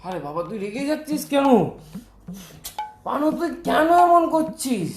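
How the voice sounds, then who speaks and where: A man's voice: high-pitched, sing-song, moderate pace, echoey room, slight background noise. A man as a coaxing, doting uncle. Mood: exasperated. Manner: coaxing, pleading, scolds the servant. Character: doting middle-aged uncle hosting his nephew.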